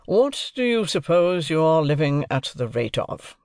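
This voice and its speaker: Guy playing bossy middle-aged lawyer from an audiobook, grills you, pitch jumps way up and around. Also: big pitch swings, darkish tone, smooth, no room sound, clean studio sound. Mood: interrogating. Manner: cross-examining, emphatic, deliberate. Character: brusque, domineering middle-aged male lawyer guardian. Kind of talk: audiobook character dialogue.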